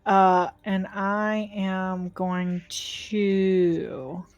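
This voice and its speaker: A woman's voice: medium pitch, flat delivery, very slow, clear, resonant tone, no room sound, dull audio, soft background music. A woman playing a tabletop game, thinking aloud hesitantly as she casually narrates her character's moves.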